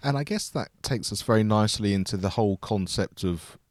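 A man's voice: on the low side, brisk, dry recording. A male host who frames the topic thoughtfully, hedging with phrases like "I guess" and "kind of.". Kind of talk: reflective interview framing.

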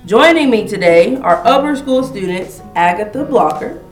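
A woman's voice: mid-range voice, animated, moderate pace, soft background music. Upbeat woman host, casual interviewer, recorded in a reverberant room. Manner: upbeat, chatty Southern phrasing. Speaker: podcast host, school administrative assistant. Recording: echoey room.

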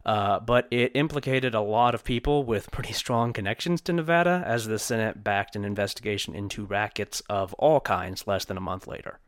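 A man's voice: fairly low pitch, moderate pace, few pauses, dry recording, clean studio sound. A man co-hosting a casual history podcast, chatty, swearing freely and laughing as he tells the story. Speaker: podcast co-host.

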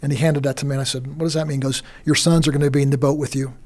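A man's voice: mid-range voice, little pitch movement, very fast, darkish tone. A middle-aged man giving a faith interview as a guest minister, speaking earnestly and often restarting and repeating his words.

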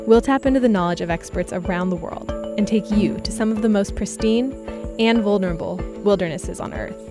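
A woman's voice: medium pitch, brisk, music in the background. A woman hosting a podcast, reading scripted narration and asking interview questions in a friendly way. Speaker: podcast host.

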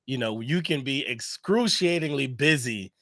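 A man's voice: medium pitch, expressive, moderate pace, fairly bright tone, no echo, studio quality. A man hosting a podcast interview, chatting casually, prompting his guest and checking the audio levels. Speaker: podcast host.

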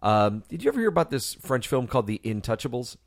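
A man's voice: medium pitch, sing-song, fast, gravelly, dry recording, studio quality. A man co-hosting a podcast in casual chat, laid-back and swearing now and then, calling his friend dude. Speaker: podcast co-host.

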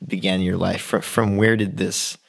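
A man's voice: low-pitched, flat delivery, moderate pace, vocal fry. A man co-hosting a podcast, joking and rambling a little, with frequent restarts. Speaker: podcast co-host. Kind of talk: casual interview chat.

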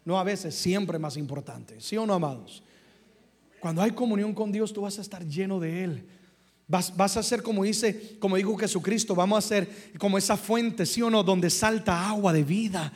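A young man preaching a sermon as pastor, swinging from hushed passages to loud ones and calling out for replies from his congregation. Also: high-pitched.

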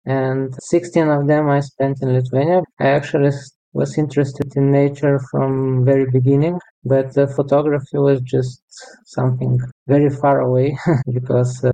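A man in his thirties from Bulgaria with a Bulgarian accent, a guest on a podcast, speaking English in a halting, self-correcting way with frequent laughs. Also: mid-range voice, dark tone, clear, resonant tone, low-quality recording. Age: 30s. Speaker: bird guide, podcast guest. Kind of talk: interview answers.

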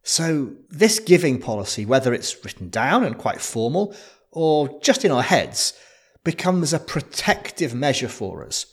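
Lively male podcast co-host. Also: medium pitch, a little slow, breathy edge. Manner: lively, laughs easily, self-deprecating. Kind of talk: casual conversational podcast.

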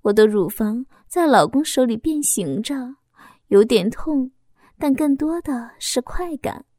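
A woman with a fairly high voice reads a first-person audio story aloud. Her delivery is soft, steady and unhurried, and the sound is dry and close, with no room echo. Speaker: narrator.

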